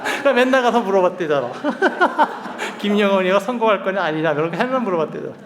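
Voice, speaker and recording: An older man, a pastor, preaching a lively, colloquial retreat sermon, acting out dialogue and chuckling often. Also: high-pitched, fast talker, crowd noise. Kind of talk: retreat sermon, storytelling with acted quotes. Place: church hall. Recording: roomy hall reverb, faint ambience.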